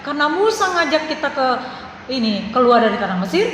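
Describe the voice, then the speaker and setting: A woman tells children a Bible story with lively, animated energy. Her voice sits a little high. The sound bounces around a large, echoey hall with a faint hum of room noise behind it. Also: fairly quick. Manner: lively storytelling to children, calls herself big sister. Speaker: Sunday school teacher. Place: church hall.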